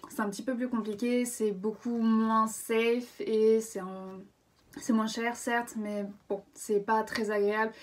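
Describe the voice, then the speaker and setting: A woman's voice: fairly high pitch, a little mellow, recorded from a distance. A French woman in her twenties chatting casually in a vlog, full of fillers and self-corrections. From France. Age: 20s. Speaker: vlogger.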